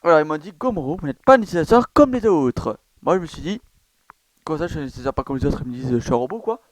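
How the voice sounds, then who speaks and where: His voice runs high with big swings in pitch, and he races along with no room sound in the recording. The gaming YouTuber loosely walks viewers through a gaming site on screen, rambling and peppering his talk with fillers and self-corrections.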